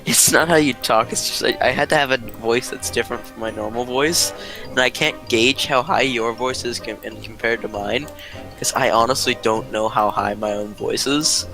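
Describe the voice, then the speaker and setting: A man's voice: medium pitch, normal speed, gravelly, over music, rough recording. A man co-hosting a casual podcast over a voice call. He rambles and fills his talk with "like". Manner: rambling, lots of "like". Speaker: podcast co-host. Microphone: voice-call mic.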